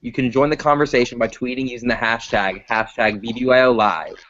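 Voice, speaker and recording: A man's voice: mid-range voice, fairly even intonation, fairly quick, a bit bright. Teen boy host, online call, muffled lo-fi audio, reads prompts with ums. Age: teens. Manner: reading prompts with fillers. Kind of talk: hosting an online video call.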